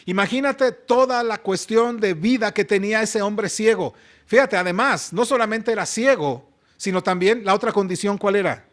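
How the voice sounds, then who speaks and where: A man with a Mexican Spanish accent preaching a sermon as pastor, moving between loud exhortation and soft asides. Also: sits high, normal speed. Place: church.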